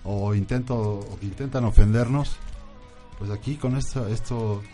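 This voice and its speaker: A man on a faith talk panel who reads out a proverb and explains it slowly with fillers. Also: on the low side, steady tone, dark tone, soft background music.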